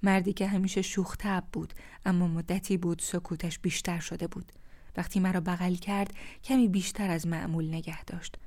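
A woman narrating a first-person story in a calm, measured, contemplative way. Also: on the low side.

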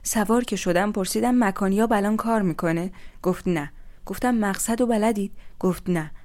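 A young woman telling a first-person story in a steady, reflective way. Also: medium pitch.

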